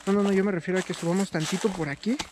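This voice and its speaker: A woman with a Mexican accent talks in a nervous, slangy way, as if vlogging a night exploration with a companion. Her pitch is average, and she is recorded outdoors with faint noise and clicks around her. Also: steady tone, racing. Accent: Mexican Spanish. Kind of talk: casual outdoor vlog chat with a companion. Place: outdoors in rough woodland at night.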